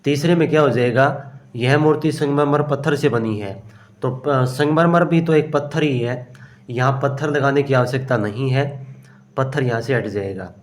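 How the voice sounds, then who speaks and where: A man teaching exam-prep grammar, working through each question aloud and answering his own questions. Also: mid-range voice. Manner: explains step by step, asks and answers himself; slow and unhurried, often says "okay". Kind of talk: solving a grammar test aloud.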